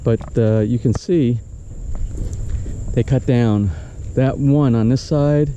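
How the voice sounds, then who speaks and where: A man's voice: mid-range voice, slow pace, dark tone, lo-fi sound, a little hiss or hum. Rambling older man vlogging outdoors. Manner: rambling, restarts often, points things out. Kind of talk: casual walk-and-talk vlog. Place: outdoors on a tropical roadside lot. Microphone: action camera held at arm's length.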